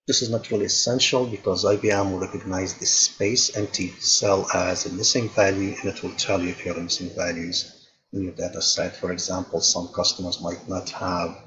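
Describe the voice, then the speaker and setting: Low-voiced man walking through software steps. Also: lo-fi sound. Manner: calm step-by-step explaining, thinking aloud. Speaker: instructor. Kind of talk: software tutorial walkthrough.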